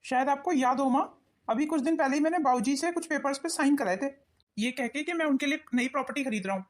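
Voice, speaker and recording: A woman's voice: high voice, fast talker, lightly acted. A woman voicing a grown son in a cartoon, coldly firm toward his mother. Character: cold grown son siding with wife. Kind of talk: cartoon voice acting.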